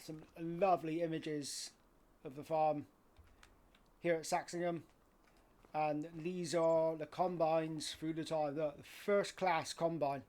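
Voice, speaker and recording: Blokey man, higher-pitched voice. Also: flat delivery, slow, darkish tone. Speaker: live streamer. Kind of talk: casual game livestream commentary.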